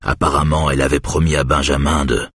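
A man reading an audiobook, voicing a tired older father who speaks softly and with care. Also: a bass voice, little pitch movement, husky, no echo, exaggerated voice. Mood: grave. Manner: soft, tired, measured. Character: weary older father, gentle and careful.

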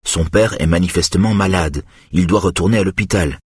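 A man narrating an audiobook in a steady, even reading. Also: sits low, a little fast, slightly rough, no room sound, clean studio sound.

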